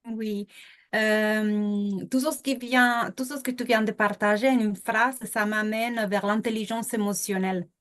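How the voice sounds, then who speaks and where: A woman's voice: mid-range voice, steady tone, measured pace, fairly bright tone, no room sound, clean studio sound. A woman taking part in a group discussion, answering hesitantly. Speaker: participant.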